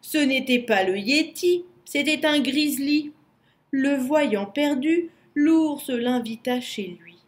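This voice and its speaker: A woman narrating a children's storybook in a slow, expressive way. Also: high voice.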